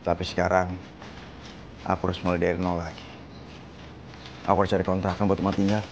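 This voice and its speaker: An actor playing a remorseful young man who speaks quickly and pleads in a TV drama. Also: low-pitched, flat delivery, dull audio, noisy background, close to an everyday voice. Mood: wistful. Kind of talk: TV drama acting.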